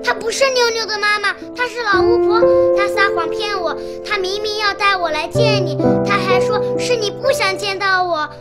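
A woman's voice: extremely high pitch, normal speed, hardly any pauses, loud music behind the voice. An actress voicing a lost little girl who is tearful, pleading and stubborn, in a TV drama. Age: child.

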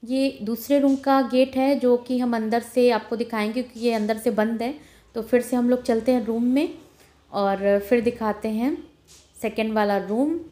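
A young woman with a slightly high voice talks in a relaxed, homely way. She walks through her small home, filming on a handheld phone. Her tone stays casual and conversational throughout. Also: a little slow. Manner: chatty, homely, walking while filming. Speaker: home vlogger. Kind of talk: casual house tour narration. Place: small rented flat, indoors and on balcony. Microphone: phone camera held while walking.

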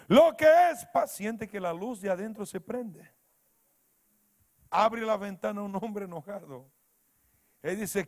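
High-voiced man preaching with rising shouts. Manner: storytelling preacher building to shouted climaxes. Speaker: pastor. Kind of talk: sermon. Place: church.

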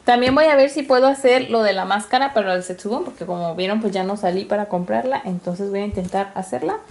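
A woman's voice: mid-range voice, quick pace. A young woman with a Mexican Spanish accent, chatting affectionately to her viewers in a casual home vlog, laughing often. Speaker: vlogger. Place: home indoors. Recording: music playing underneath.

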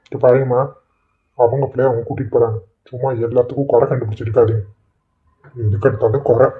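A man's voice: mid-range voice, level tone, quick pace, lightly acted. A man voicing an exasperated adult son in a cartoon, answering his mother curtly and irritably. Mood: irritated. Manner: irritated, curt. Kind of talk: Tamil cartoon voice acting. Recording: tinny phone-like lo-fi audio.

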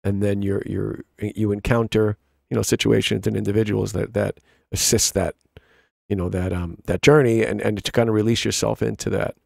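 A man's voice: on the low side, level tone, moderate pace, vocal fry, no echo, clean studio sound. A middle-aged man with a Long Island accent, co-hosting a casual book club podcast in a rambling, reflective way with frequent restarts. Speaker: podcast co-host.

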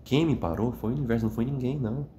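Talking straight to the camera indoors at night, this male vlogger rambles earnestly through an emotional, reflective monologue, worn out from crying. His warm, mid-range voice moves very fast against slight background noise, and he keeps ending lines with "né?"

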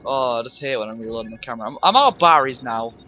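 A man's voice: mid-range voice, expressive, racing, slight background noise. A young man giving jumpy, swearing let's play commentary on a horror game. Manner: jumpy, swearing, laughing, yelling when startled. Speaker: gameplay commentator.

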